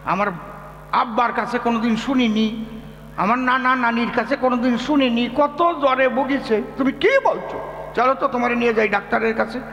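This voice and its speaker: A man's voice: very high voice, moderate pace, a bit bright, highs cut off. A man playing a village wife who scolds her husband in shocked disbelief, in a raised voice. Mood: indignant. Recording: echoey hall with faint music.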